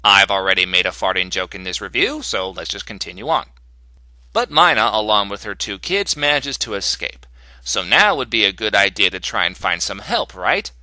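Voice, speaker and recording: A man's voice: on the low side, animated, moderate pace, pushed and bright, no room sound. A man doing a sarcastic comic review voice-over, snarky and exasperated, mocking the story as he goes.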